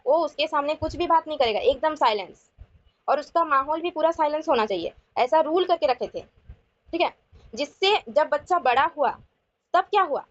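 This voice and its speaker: Woman teacher mixing hindi and english, asks viewers stuff, kinda high voice, dull lo-fi sound. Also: no room sound. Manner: reads questions slowly, then explains in quick Hindi-English mix. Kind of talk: exam-prep lecture solving past questions.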